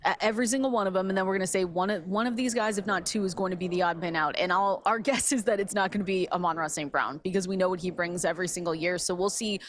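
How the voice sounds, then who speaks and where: A woman co-hosting a fantasy football radio show, chatting in a lively, teasing way. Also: fairly low pitch, quick pace, few pauses. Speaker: radio co-host. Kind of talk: casual sports radio chat.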